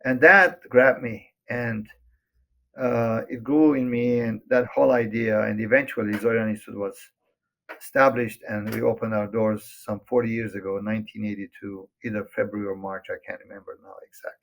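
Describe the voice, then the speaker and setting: Casting: older Lebanese-raised man, gravelly, hesitant storyteller, interview guest. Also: lowish voice, little pitch movement, moderate pace, a bit bright. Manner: hesitant, with many restarts. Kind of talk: reflective storytelling.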